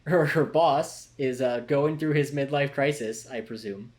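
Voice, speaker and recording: A young man chatting on a podcast, recapping plot points in an easygoing, laid-back way. He throws in dry quips along the way. His voice sits at a middling male pitch. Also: measured pace, darkish tone. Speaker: podcast co-host. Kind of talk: casual chat.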